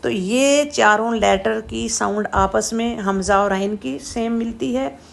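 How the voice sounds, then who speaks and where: A woman teaching Quranic letter pronunciation, explaining slowly and demonstrating throat sounds with repeated drawn-out syllables. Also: a little high, creaky, a little hiss or hum. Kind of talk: slow step-by-step pronunciation lesson.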